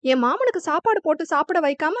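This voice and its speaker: A woman voicing a lively young woman who fires off rapid, excited questions, on a dull lo-fi recording. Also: sits high, dry recording, voice pushed up.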